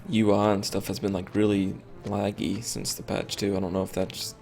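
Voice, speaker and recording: A man's voice: fairly low pitch, flat delivery, normal speed, vocal fry, darkish tone, soft background music. A tired man streaming a game, rambling and thinking aloud with lots of fillers as he comments casually.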